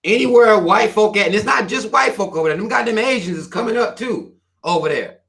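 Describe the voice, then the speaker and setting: A man from the Carolinas with a Southern American accent, talking in a loose, profane livestream rant. His voice sits a little high for a man and comes across bright and forceful, with a hard, blunt edge. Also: lively intonation, a little fast, gravelly. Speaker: channel host reading viewer comments.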